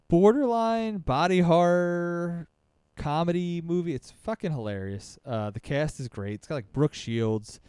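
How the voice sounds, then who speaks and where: A man chatting casually about movies, lively and swearing freely, often trailing off and restarting. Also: medium pitch, smooth, dry recording.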